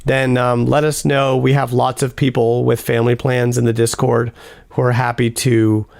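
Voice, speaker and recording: Male podcast host, gravelly, voice nearly shot, casual and upbeat. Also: mid-range voice, level tone, moderate pace, a little mellow, no room sound, studio quality. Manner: upbeat, wraps up the show with thank-yous. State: voice cracking, nearly gone.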